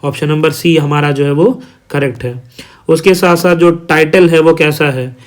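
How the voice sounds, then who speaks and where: A man runs through exam multiple-choice questions as a tutor. His voice sits a little high, and he falls into a steady repeating pattern of listing options and announcing the answer. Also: normal speed. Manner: repetitive, reads options then announces answer. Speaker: teacher. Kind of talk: exam quiz walkthrough.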